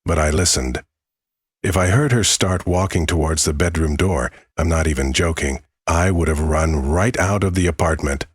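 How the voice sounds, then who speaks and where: A man narrating a scripted first-person horror story in a measured way, with dramatic pauses. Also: rumbling low, husky, dry recording, studio quality.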